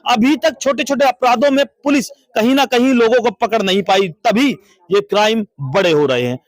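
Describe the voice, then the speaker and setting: A man's voice: very high voice, normal speed, no room sound. A man reporting from a crowded street as a local news reporter, making urgent, dramatic appeals to viewers.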